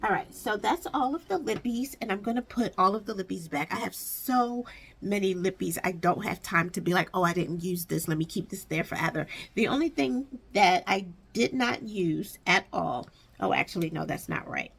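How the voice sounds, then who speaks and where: Her voice is medium-pitched, expressive, a bit bright and slightly rough, with vocal fry, and she talks at normal speed. She's a beauty vlogger casually chatting about her makeup stash, rambling and self-correcting as she thinks aloud. The recording has audible background noise.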